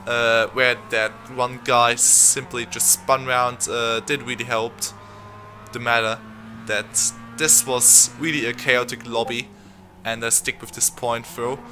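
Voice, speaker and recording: A young man with a very bright, forceful voice, not a native English speaker, commentates on his racing game in a quick, rambling way full of fillers. Soft game music runs behind him. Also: mid-range voice. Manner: fast, rambling, chatty with many fillers. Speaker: sim racing channel host.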